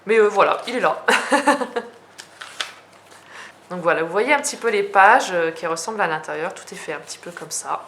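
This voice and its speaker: A woman's voice: lowish voice, moderate pace, long pauses, fairly bright tone, slight background noise. A young French woman chatting casually as she shows her journals, talking with many fillers and restarts. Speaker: journaling vlogger. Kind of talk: casual show-and-tell.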